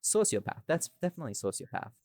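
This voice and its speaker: This podcast host and audio series creator talks fast in a medium-pitched, sing-song voice that is gravelly and a little mellow. He rambles through a casual discussion, thinking out loud and often checking with "right?". No room sound is audible.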